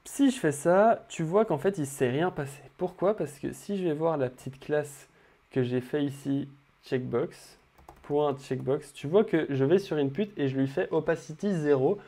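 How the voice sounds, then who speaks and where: A man's voice: a little high, normal speed, warm tone. A young man walking viewers through building an interface in a casual screen-recorded coding tutorial, talking straight to the viewer with frequent fillers.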